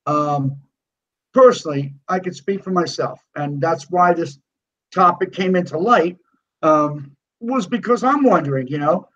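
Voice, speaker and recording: A man co-hosting a casual podcast chat, animated and given to swearing rants. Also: on the high side, a little slow. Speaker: podcast co-host. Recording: dull lo-fi sound.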